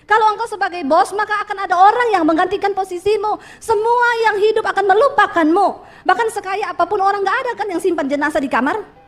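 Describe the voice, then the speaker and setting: A woman's voice: very high voice, fast. A woman pastor preaching a sermon, telling stories with quoted voices and asking the congregation questions.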